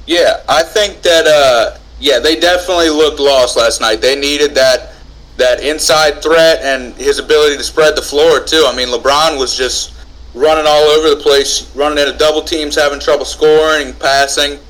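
A man's voice: fairly high pitch, steady tone, moderate pace, a bit bright, poor audio. A man on a podcast panel talking sports casually, often repeating words as he goes.

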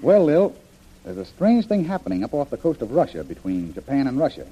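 An actor playing a hearty, fearless jungle adventurer in an old-time radio serial. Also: male voice, mid-range voice, very animated, a little fast, warm tone, breathy edge. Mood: intrigued. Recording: muffled vintage radio broadcast.

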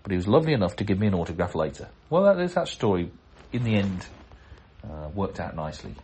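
A man's voice: low voice, big pitch swings, fast, a little mellow. A middle-aged man hosting a podcast, reading listener letters aloud in a chatty way, breaking off with chuckles and self-deprecating asides. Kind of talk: casual chat and letter reading.

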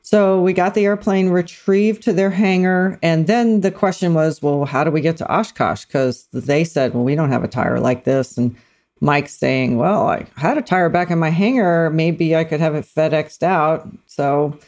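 A woman's voice: low voice, moderate pace, darkish tone. A middle-aged woman co-hosting a podcast, telling a story in casual chat and acting out the people she quotes. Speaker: podcast co-host.

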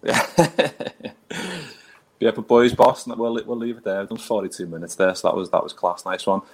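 A low-pitched male podcast host with a Liverpool accent chats about football. He is blokey and informal, throwing in slang and swearing as he talks to his mates. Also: quick pace, darkish tone, a little hiss or hum. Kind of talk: casual football chat.

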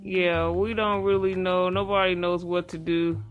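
A woman's voice: on the low side, little pitch movement, unhurried. A woman hosting a casual conversational interview in a folksy, earnest way, her voice slightly muffled by a face mask. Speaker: host. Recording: music playing behind the voice. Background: guitar music.

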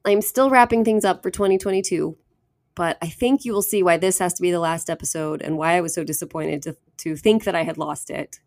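A woman's voice: lowish voice, brisk, darkish tone. A woman from Northern California hosting a podcast in an upbeat, chatty way and laughing easily. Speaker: podcast host. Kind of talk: casual chat.

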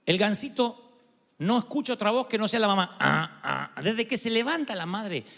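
Argentine male pastor, high voice, lively sermon delivery with playful imitations, big echoing hall. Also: moderate pace. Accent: Argentine Spanish. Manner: animated, imitates voices and goose honks for humor. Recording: long hall reverb.

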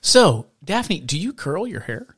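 A man co-hosting a podcast who steers the casual conversation and gently teases his co-host. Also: high-pitched, very animated, measured pace, husky, dry recording, studio quality. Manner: teasing, leads the conversation. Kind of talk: casual chat.

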